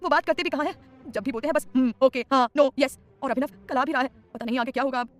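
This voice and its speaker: A woman voicing a lazy, dramatic young man who talks in a whiny, excitable way. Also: high voice, quick pace, close to an everyday voice.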